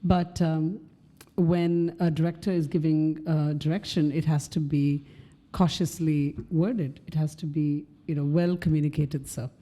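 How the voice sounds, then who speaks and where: A woman with a low, very mellow voice co-hosts a podcast. She speaks thoughtfully and often searches for her words. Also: little pitch movement, unhurried. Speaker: podcast co-host. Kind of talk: casual conversational chat.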